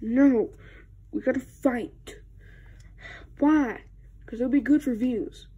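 A big, stubborn male echidna, voiced by a woman, in a homemade fan skit. He insists on his own childish logic in slow, plodding lines. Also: a little high, warm tone, slightly rough, muffled recording, exaggerated voice.

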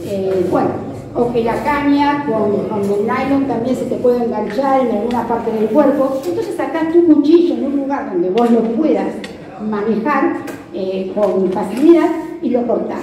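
Speaking with warmth and a fairly high pitch, this middle-aged Argentine woman with a Rioplatense accent teaches kayak fishing safety to a seated crowd in a big hard-floored club hall. She keeps things conversational, using question tags to check in, and talks into a handheld PA mic. The recording, made by a faraway camera, is echoey with audience murmur behind her.

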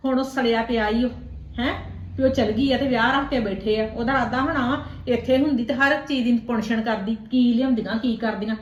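A woman's voice: a little high, fairly even intonation, fairly quick, dull audio, a little hiss or hum, close to an everyday voice. A middle-aged woman playing a scornful, bossy mother who scolds and sneers in a home drama. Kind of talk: web drama acting. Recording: echoey room.

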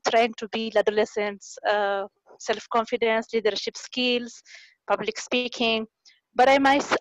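A woman in her forties from Mali, making an earnest, halting comment over a video call with many fillers. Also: a little high, poor audio. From Mali, West Africa. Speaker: audience participant in online talk.

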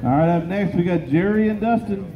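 A man announcing race lanes and results in brisk, clipped calls at an outdoor race event. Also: high-pitched, lo-fi sound, noisy background. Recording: over a loud crowd.

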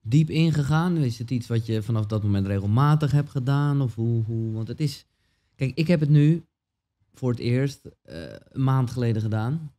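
A man's voice: mid-range voice, normal speed, warm tone. A man hosting a podcast interview, asking questions in a casual way and often chiming in with short affirmations. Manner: supportive, frequent short affirmations. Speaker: podcast host.

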